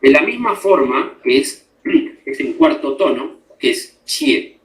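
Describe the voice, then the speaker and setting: Recorded in an echoey room, a male instructor lectures a class at a measured pace, his voice on the high side and sing-song. He explains step by step and often uses tag questions to check that students are following.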